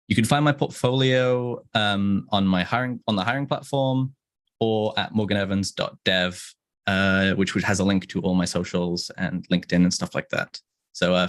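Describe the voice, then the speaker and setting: A man's voice: lowish voice, fairly bright tone, no echo, studio quality. A man closing his student project presentation in a live online demo, speaking hesitantly with many fillers. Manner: hesitant, filler-heavy sign-off.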